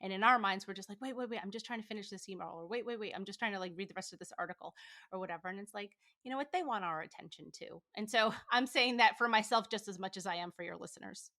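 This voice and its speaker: Her mid-range voice has a sharp tone as this woman in her thirties talks casually as a podcast guest. It's a chatty interview, peppered with likes, fillers, and quick laughs.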